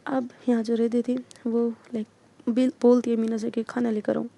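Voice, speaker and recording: Gravelly woman telling a story. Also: a little high, flat delivery, normal speed, mellow. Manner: mixes English fillers into narration. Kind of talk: casual audio story narration.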